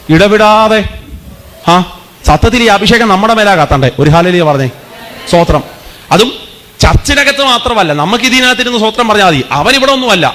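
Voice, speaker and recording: Man, pastor, revival sermon, high voice, questions the crowd. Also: sharp tone. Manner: questions the congregation and calls for praise. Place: church meeting.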